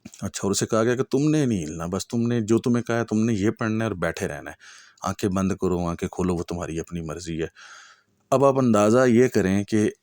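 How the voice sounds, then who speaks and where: A man's voice: fairly low pitch, lively intonation, a little mellow, dry recording, studio quality. A man with a Punjabi accent telling a true horror story in a chatty, conversational way, often checking in with the listener. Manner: conversational, chatty, full of checks like "okay?" and "you know".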